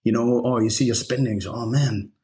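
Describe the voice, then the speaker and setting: A man whose first language is Dutch, a breathwork instructor speaking earnestly in a casual podcast chat, with halting restarts. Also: medium pitch, fairly even intonation, dark tone, a little hiss or hum.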